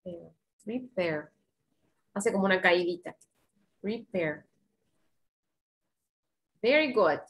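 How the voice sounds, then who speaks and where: A woman's voice: fairly low pitch, lively intonation, fairly bright tone, rough recording. A woman with an Argentine accent teaching English online, patiently modeling words and coaching pronunciation. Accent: Argentine Spanish. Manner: patient, slow and encouraging, models words carefully.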